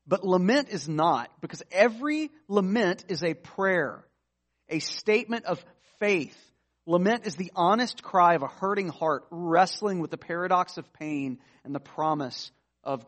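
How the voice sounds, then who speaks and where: A man preaching an earnest, explanatory sermon, reading scripture passages aloud and unpacking them. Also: on the high side. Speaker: pastor. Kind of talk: sermon teaching.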